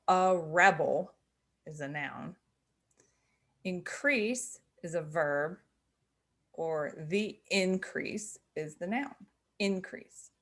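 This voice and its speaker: A woman's voice: on the low side, a bit bright. A middle-aged woman teaching a lesson, explaining patiently with fillers and self-corrections. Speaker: sign language teacher. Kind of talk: instructional explanation.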